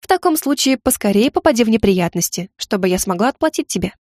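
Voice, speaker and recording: A woman reading an audiobook gives voice to a proud young witch, sarcastic and quick to snap back. Her tone sits close to the narrator's own, recorded dry and close. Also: fairly high pitch, lively intonation, a little mellow, no echo. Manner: sarcastic, snapping. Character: young witch heroine, sharp-tongued, proud.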